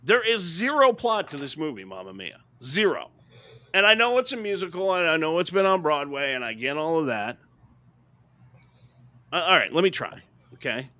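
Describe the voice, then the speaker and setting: Bright, animated man ranting about films. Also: fairly high pitch, normal speed. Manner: emphatic, ranting, seeks agreement with "right?". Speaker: podcast co-host. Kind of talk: opinionated movie review chat.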